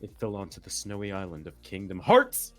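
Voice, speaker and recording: Speaking a little fast, a deep voice with wildly swooping pitch performs fan fiction to background music. It's melodramatic storytelling broken up by giggles and playful commentary.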